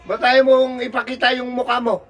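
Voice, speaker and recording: A performer playing a homesick father working abroad, who whines and breaks into crying shouts while his child asks for money on a video call. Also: mid-range voice, flat delivery, moderate pace, distant mic, highs cut off, a little hiss or hum, close to an everyday voice. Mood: exasperated. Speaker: comedy skit character. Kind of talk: comic video-call skit.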